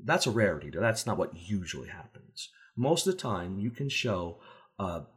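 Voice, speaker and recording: A man speaking as a safety trainer in a relaxed, conversational teaching talk, using everyday examples and briefly acting out voices. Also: low-pitched, normal speed. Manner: acts out contrasting voices to make points.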